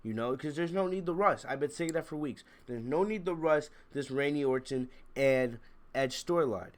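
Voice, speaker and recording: Here the congested, under-the-weather man's voice sits a little high and moves at a normal pace. Hosting a wrestling review livestream, he chats casually with viewers and delivers blunt, strongly opinionated commentary.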